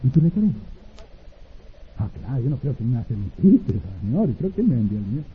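A man preaching a sermon who acts out an anecdote in many voices, swinging between soft and loud. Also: mid-range voice, sing-song, brisk, slight background noise. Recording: dull lo-fi recording.

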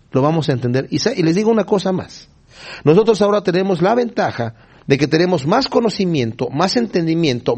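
A male preacher whose voice sits a bit high and swings widely up and down as he preaches. He reads scripture and then talks it through in a relaxed, chatty way, often turning to his listeners with a quick question. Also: husky. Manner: conversational, often asks the listeners "¿verdad?", chuckles while explaining. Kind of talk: sermon with Bible reading and commentary.

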